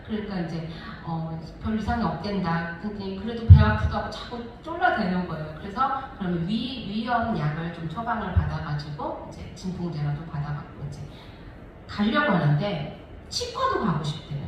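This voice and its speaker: Woman preaching her story, laughs a lot, real lively, sounds far off in a big echoey room. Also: on the low side, moderate pace, lo-fi sound, background noise. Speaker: missionary. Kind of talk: testimony sermon. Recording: echoey hall, voice from afar.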